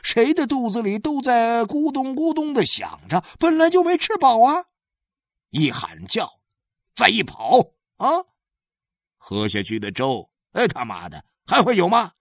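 A man reading aloud as a hungry, gruff working-class father with a coarse, drawling way of talking. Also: very high voice, wildly swooping pitch, unhurried, dry recording, clean studio sound, pitched above the performer's own voice, full character voice. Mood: gruff weary.

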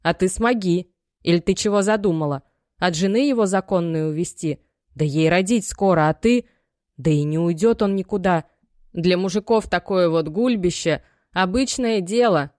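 A woman's voice: fairly low pitch, normal speed, dry recording, studio quality, close to an everyday voice. Woman reading as a pleading, scolding aging mother. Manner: scolding, pleading, folksy speech. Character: aging worried mother, stern yet loving.

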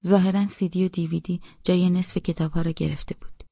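Gravelly flat-voiced man narrating. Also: high-pitched, dry recording, highs cut off. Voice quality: gravelly, husky. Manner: flat, even reading. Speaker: audiobook narrator. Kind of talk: scripted first-person narration.

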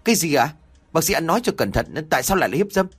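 A frantic middle-aged mother in an audio story, acted by a man, her voice pushed high and shrill. She wails and scolds, loud and urgent, with a husky grain underneath. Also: big pitch swings, fast, heavily acted. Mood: furious. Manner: wailing, scolding.

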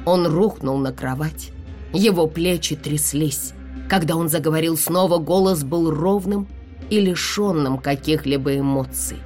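Low-voiced woman reading an audiobook. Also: unhurried, soft background music. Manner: expressive, dramatic reading. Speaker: audiobook narrator. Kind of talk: first-person audiobook narration.

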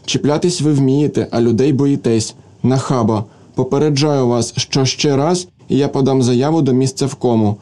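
A man reading a story aloud, voicing a proud, hot-tempered young woman office clerk with sharp, indignant retorts. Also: medium pitch, moderate pace, natural voice.

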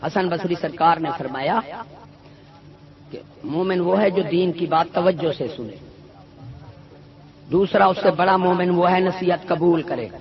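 A man preaching a sermon full of stories, emphatic and swinging between loud and soft. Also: sits high, long pauses. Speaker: Sufi preacher. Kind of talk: sermon with storytelling. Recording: dull lo-fi recording with a loud crowd.

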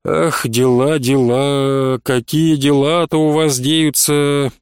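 A man voicing a kindly, comforting middle-aged merchant who speaks in an unhurried, consoling way. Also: mid-range voice, little pitch movement, clean tone, no room sound, studio quality. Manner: warm-hearted, consoling, unhurried.

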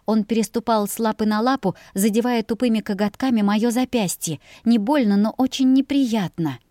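A woman's voice: fairly high pitch, normal speed, dark tone, dry recording. Woman narrating in a dry, close voice. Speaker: audiobook narrator. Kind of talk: first-person audiobook narration.

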